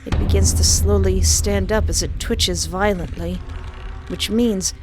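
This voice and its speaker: A woman's voice: medium pitch, steady tone, a little slow, background noise. A woman narrator reading a scripted second-person horror story.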